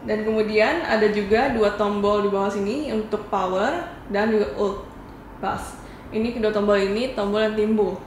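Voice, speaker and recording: A woman's voice: mid-range voice, moderate pace, darkish tone. A woman reviewing a product in a casual demo, talking viewers through it step by step in a chatty way. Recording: echoey room with faint noise.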